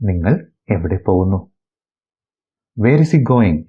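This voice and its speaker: A man from Kerala teaches a bilingual phrase lesson. He reads each sentence slowly and deliberately, then translates it. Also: sits low, lively intonation, dark tone, breathy edge, muffled recording. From Kerala, India. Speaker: English teacher.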